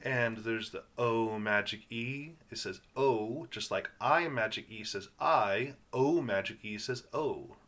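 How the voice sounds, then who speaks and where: A man teaching English reading to learners, sounding out words patiently and repeating them in a slow guided lesson. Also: mid-range voice, fairly bright tone.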